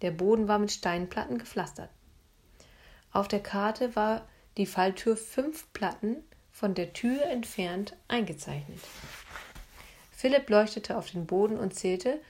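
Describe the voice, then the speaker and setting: A woman narrating a children's storybook in a hushed, suspenseful manner. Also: medium pitch, a little hiss or hum. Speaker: audiobook narrator.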